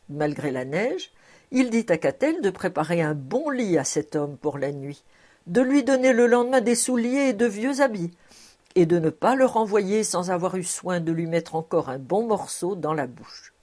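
A woman reading a classic novel aloud as an audiobook narrator. Her storytelling is expressive, and her pitch moves in wide, lively curves. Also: normal speed.

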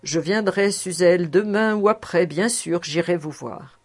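A woman's voice: on the low side, a little slow. Woman reader voicing a jovial grown man, boastful, self-satisfied, cheerful.

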